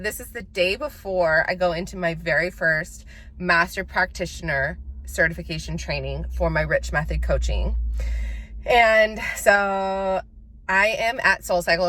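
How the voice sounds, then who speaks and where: A woman's voice: lowish voice, sharp tone, poor audio. A young woman with a Southern US accent, chatting casually to camera in a vlog and laughing often. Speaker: vlogger.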